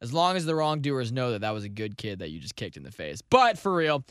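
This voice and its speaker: A young man with a slightly worn, hoarse voice co-hosting a podcast in casual, sweary, joking chat. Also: medium pitch, very animated, a little fast, fairly bright tone, no room sound, studio quality. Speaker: podcast co-host.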